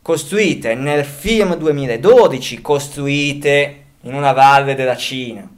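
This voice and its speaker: A man's voice: medium pitch, slow. A man co-hosting a casual podcast, talking, rambling, often restarting and correcting himself as he thinks aloud. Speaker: podcast co-host.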